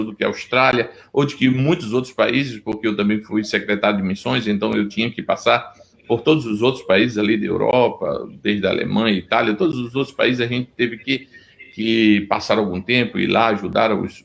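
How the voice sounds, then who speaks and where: Middle-aged Pernambuco-accented Brazilian pastor, gravelly low voice, earnest interview testimony. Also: male voice, rough recording. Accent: Pernambuco Brazilian Portuguese. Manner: earnest storytelling, frequent restarts.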